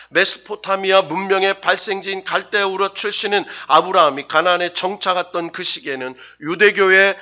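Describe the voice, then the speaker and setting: A man's voice: fairly high pitch, bright, forceful tone, highs cut off. A man preaching a Wednesday sermon as a pastor, stressing words and leading the congregation in reading scripture aloud. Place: church sanctuary.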